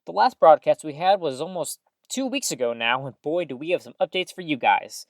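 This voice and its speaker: In an audio drama, an actress plays a folksy small-town radio host, her low voice swinging up and down with lively intonation at a fairly quick clip. She delivers chatty, upbeat news patter sprinkled with mild old-fashioned exclamations, sounding cheerful and welcoming. The recording is very dry, with no room sound.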